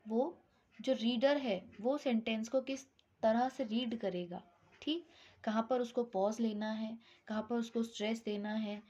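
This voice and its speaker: A woman's voice: on the high side, mellow, muffled recording. A woman teaching a Hindi grammar lesson, explaining step by step, mixing English words into her Hindi and checking with "ठीक".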